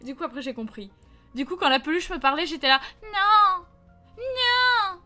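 Une jeune femme, streameuse, raconte une anecdote d'enfance en direct sur un ton familier et vivant, en jouant les répliques. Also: female voice, high-pitched, fast, faint music behind. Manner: lively anecdote-telling, acts out quotes, reads chat. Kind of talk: casual live-stream chat and storytelling.

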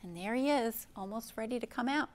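Here a librarian leads children's storytime in a library room indoors, reading and doing show-and-tell. She's a middle-aged American woman who keeps it simple and expressive for the little ones, speaking at a fairly high pitch and a little fast.

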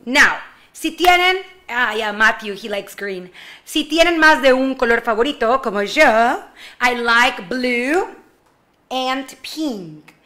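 With a high, bright, animated voice, this young woman leads an online class for small children, switching between English and Spanish. She is a kindergarten ESL teacher on webcam at home before a slide screen, slowly stretching out model phrases and sprinkling in playful remarks.

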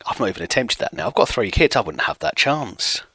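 His medium-pitched voice is sing-song, fairly quick, bright, forceful and husky. A man in his late thirties, he streams a football management game from his home desk, reading chat aloud and chatting casually and self-mockingly with viewers.

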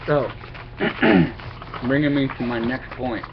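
A man reviewing pipe tobacco in a relaxed, rambling way, speaking with a pipe clenched in his mouth. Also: mid-range voice, takes it slowly. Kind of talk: casual vlog review. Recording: dull lo-fi audio with background noise.

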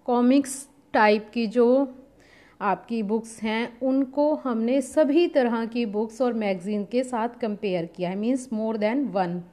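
A woman, patiently explaining a grammar lesson step by step and reading example sentences slowly. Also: on the high side, dark tone. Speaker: English teacher.

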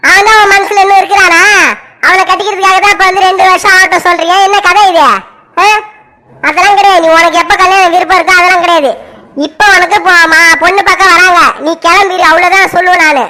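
A woman playing a strict middle-aged mother who scolds her daughter sharply in an amateur family drama. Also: very high voice. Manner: sharp, scolding, repeated "ஆ?" demands.

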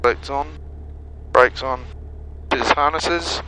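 Student pilot guy, slow short checklist answers, bright voice on a headset. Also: medium pitch, low-quality recording. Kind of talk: brief cockpit replies and checklist callouts. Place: small aircraft cockpit. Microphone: aviation headset. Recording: aircraft headset intercom, faint engine noise.

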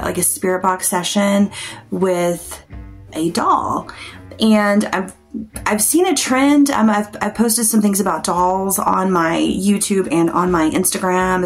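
A woman in her forties with a mid-pitched voice talks casually to her viewers. She rambles and thinks out loud, halting between phrases as a channel host would in an unscripted update. Faint music sits behind her. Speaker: paranormal vlogger and channel host. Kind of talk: casual chat to camera. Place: small plain room indoors.

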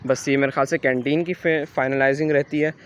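Speaking briskly in a steady, mid-range voice, a young Urdu-speaking student vlogger from Karachi casually narrates a campus tour into a handheld phone camera outdoors on a construction site. He still hesitates a lot, thinking aloud with frequent "uh" fillers, and the audio has its highs cut off.

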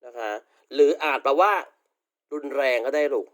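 A man's voice: mid-range voice, normal speed. A male university English teacher giving a recorded online vocabulary lecture, affectionately calling students "child" and repeating polite tag particles.

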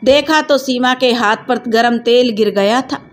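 Woman reading out a story, steady plain narration, fairly high voice. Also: measured pace. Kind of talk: read-aloud story narration.

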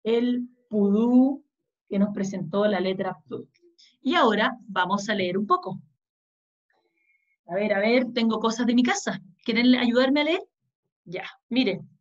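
A woman's voice: on the high side, lively intonation, moderate pace, highs cut off. A woman teaching an early-reading lesson to young children, patiently sounding out letters and words and asking them to read along.

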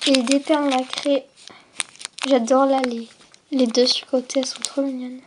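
A woman's voice: sits high, level tone, normal speed, background noise. A young woman casually showing off a box of craft supplies item by item, hesitant and often trailing into a near whisper. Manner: lists items one by one, often drops to a near whisper; hesitant, with frequent fillers and self-corrections. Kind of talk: casual unboxing vlog.

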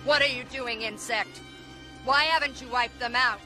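A woman's voice: a little high, moderate pace, pushed and bright. A woman voicing a scornful, domineering villain in an anime dub, with a sneering manner. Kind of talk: English anime dub acting. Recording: music under the dialogue.

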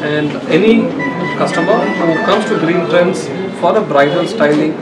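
A middle-aged man with an Indian English accent, a company executive answering press questions in a measured way with many pauses. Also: a little high, loud music behind the voice. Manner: measured, with frequent uh fillers. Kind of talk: press interview. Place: indoor event venue. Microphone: cluster of press mics. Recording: echoey room, loud crowd, distant mic.

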